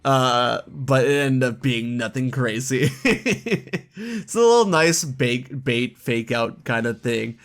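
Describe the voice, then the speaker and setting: A man chatting casually in his own commentary video, quick asides and laughing at his own jokes. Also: mid-range voice, a bit bright. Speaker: YouTube gaming commentator.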